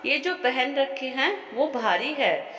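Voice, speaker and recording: A woman voicing a tired, patient young working daughter-in-law who speaks softly and wearily in a storybook tale. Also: high-pitched, lively intonation, slow pace, heavily acted. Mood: plain asking. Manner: soft, weary. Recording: echoey, dull lo-fi room.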